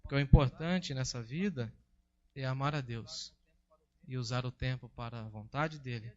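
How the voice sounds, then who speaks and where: A man's voice: medium pitch, normal speed, a little mellow, highs cut off. A male Brazilian pastor preaching a sermon, telling a fable and acting out the characters' lines in a storytelling manner. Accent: Brazilian Portuguese. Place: church service.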